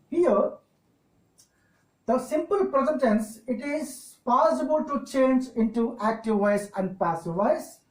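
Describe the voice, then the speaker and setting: A woman's voice: on the high side, darkish tone. Woman teaching grammar with a Telugu accent. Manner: repetitive, halting phrasing. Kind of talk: grammar lesson. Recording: echoey room.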